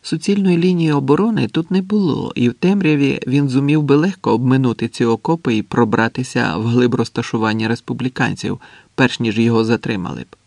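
A man narrating a novel as an audiobook in a measured, even manner. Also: mid-range voice, gravelly, dry recording. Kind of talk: scripted narration.

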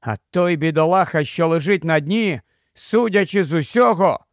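A man reading the part of a sensible, quick-thinking boy in a storybook, speaking earnestly. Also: fairly high pitch, lively intonation, dry recording, clean studio sound.

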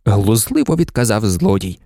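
A man narrating a children's story in an expressive, lively storytelling manner. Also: lowish voice, normal speed, dry recording, clean studio sound.

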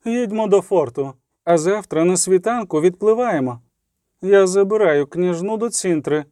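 A man's voice: high voice, normal speed, warm tone, no echo, clean studio sound, voice pushed up, close to an everyday voice. A man voicing a stern, imperious old queen who commands and scolds in a cold, ruling tone. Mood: commanding.

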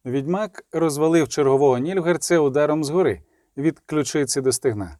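A man reading an audiobook in a steady, measured way, adding short explanatory notes. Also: a little high, no echo, studio quality. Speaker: audiobook reader. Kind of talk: audiobook narration.

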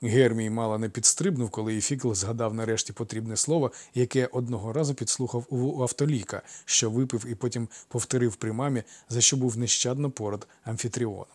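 Male audiobook narrator, measured and expressive. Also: medium pitch, dry recording.

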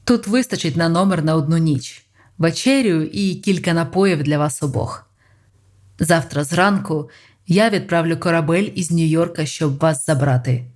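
Audiobook figure: narrator reading a skeptical man, flat and hollow, blunt warnings. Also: on the high side, moderate pace, lightly acted. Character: skeptical older male friend, blunt.

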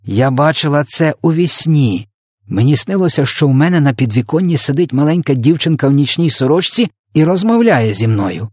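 A man with a husky low voice reading the lines of a startled, dignified queen, sharp and commanding by turns, sometimes hushed. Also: lively intonation, normal speed, no echo, studio quality. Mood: wondering.

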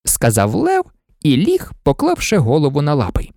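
A man reading a storybook aloud with animated, swooping expression. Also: a little high, moderate pace, gravelly, no echo, studio quality. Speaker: storybook reader.

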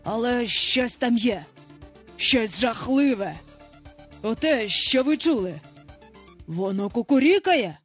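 A woman's voice: a little high, measured pace, husky, faint music behind. A woman doing a terrified stammering pirate sailor. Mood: frightened. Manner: stammering, frightened.

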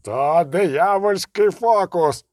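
A man voicing a frightened male village priest who stammers and howls in slow, drawn-out outbursts, in an audiobook. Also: high voice, darkish tone, no room sound, clean studio sound, pitched above the performer's own voice. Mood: fearful ranting.

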